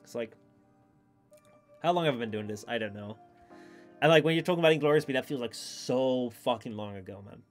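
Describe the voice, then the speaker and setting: A man's voice: medium pitch, brisk, pauses often. Rambling male streamer over background music. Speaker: live streamer. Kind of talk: casual chat with stream viewers.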